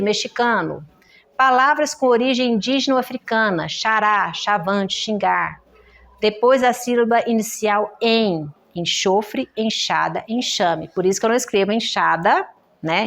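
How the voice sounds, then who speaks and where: A woman with a Brazilian Portuguese accent teaching a classroom lesson on writing errors, explaining step by step and often checking in with her students. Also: a little high. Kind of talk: classroom lecture. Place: in-person workshop room.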